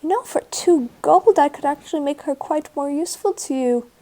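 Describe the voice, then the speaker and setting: A woman's voice: sits high, lively intonation, brisk, background noise. A woman voicing a genteel female shopkeeper who politely calls customers "dear". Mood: sweetly polite. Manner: gentle, calls everyone dear.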